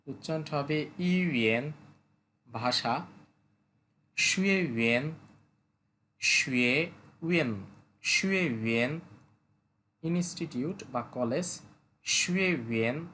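A male language teacher slowly going through vocabulary, repeating each word several times and explaining how to pronounce it. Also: mid-range voice, fairly bright tone, slight background noise. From Bangladesh. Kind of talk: vocabulary lesson, explaining pronunciation. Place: language school classroom or study.

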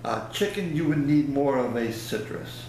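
A fifties man vlogs a casual product review into a close webcam in a small room by a plain wall, folksy and rambling, losing his words now and then. His mid-range voice is darkish, with lively intonation at a moderate pace. The room is very echoey, with faint hiss.

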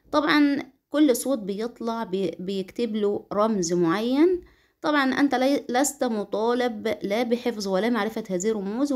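A woman's voice: a little high, a little mellow. Patient Egyptian woman teaching English. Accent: Egyptian Arabic. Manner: patient, speaks English phrases slowly and clearly. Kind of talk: explaining lesson to children.

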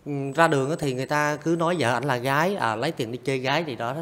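A man's voice: medium pitch, rapid-fire, fairly bright tone. A man hosting a vlog interview, encouraging his guests and backing them up with frequent short replies. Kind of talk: casual interview.

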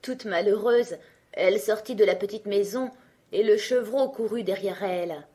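A woman narrating a fairy tale for a children's audiobook, in an expressive, clear storytelling way. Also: mid-range voice, moderate pace.

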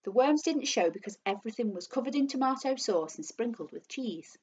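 A teacher reading a children's book aloud to her class, with expressive storytelling. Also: a little high, a little fast, a little hiss or hum.

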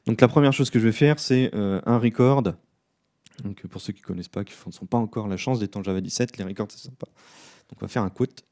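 A man giving a live coding talk at a conference, relaxed and self-deprecating, with many fillers. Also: fairly low pitch, brisk. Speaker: conference speaker. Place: conference room.

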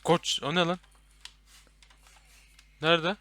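A young man playing a horror game with a friend, commenting and swearing loudly at the enemies. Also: on the high side, level tone, takes it slowly. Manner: loud, swearing, yelling at enemies. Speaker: gaming YouTuber.

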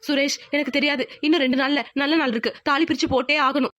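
A woman voicing a bold, cunning young village wife who nags loudly and insistently in a cartoon. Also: sits high, steady tone, fast talker, background noise, natural voice. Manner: loud, insistent, nagging. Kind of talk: cartoon voice acting.

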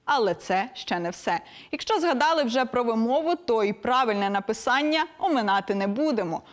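A young woman presenting a scripted language lesson in a crisp, didactic and lightly playful manner. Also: on the high side, expressive, a little fast.

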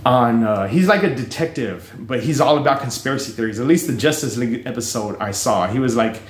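A man's voice: medium pitch, animated, fairly quick, reverberant. A man vlogging casual, rambling commentary on books and the news, full of fillers, restarts and swearing. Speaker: book reviewer vlogger.

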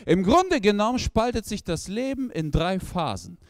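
A man doing stand-up storytelling on a stage with no audience, animated and acting out characters in the story. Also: sits high, moderate pace, dry recording, clean studio sound. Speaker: stand-up comedian.

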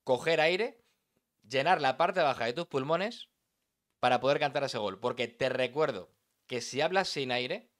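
A man's voice: medium pitch, animated, measured pace, fairly bright tone. Emphatic man teaching narration. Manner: emphatic, dramatic, addresses the listener directly. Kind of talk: instructional voice-over lesson.

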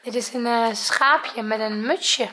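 A mother chatting softly and cooingly with her young children at home for a family vlog. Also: fairly high pitch, slow pace, heavy background noise. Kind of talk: casual family vlog chat.

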